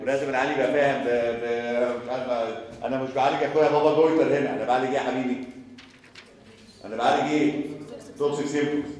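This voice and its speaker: A male surgery lecturer with an Egyptian Arabic accent who talks quickly, repeats himself and quizzes his students with rhetorical questions. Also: medium pitch, a little mellow, a little hiss or hum. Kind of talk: recorded lecture. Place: lecture hall. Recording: echoey lecture hall from far off.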